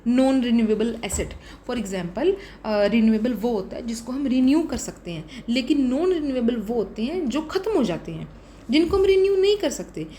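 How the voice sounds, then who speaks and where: A young woman with an Indian English accent teaches exam vocabulary in a relaxed, chatty lesson. Her voice sits a little high, and she keeps checking in with the listener as she explains. Faint noise hums under the recording. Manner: explains vocabulary with examples, frequent "ठीक है" fillers. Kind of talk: casual Hinglish lesson.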